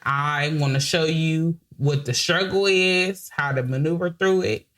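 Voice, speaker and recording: A woman's voice: low voice, a little slow, fairly bright tone. A woman co-hosting a podcast, telling a personal family story in a candid, emotional way with many restarts and the odd swear word. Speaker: podcast co-host.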